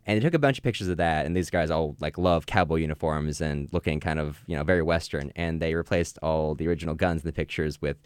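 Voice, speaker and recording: Low-voiced man in casual rambling chat. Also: fast talker, hardly any pauses, clean tone, no room sound, clean studio sound. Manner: rambling, many fillers and restarts. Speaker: podcast co-host.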